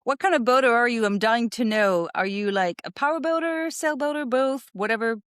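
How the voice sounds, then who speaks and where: A woman hosting a podcast interview, asking questions in an upbeat, animated way. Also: on the high side, fairly quick, clear, resonant tone, no room sound, clean studio sound. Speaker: podcast host.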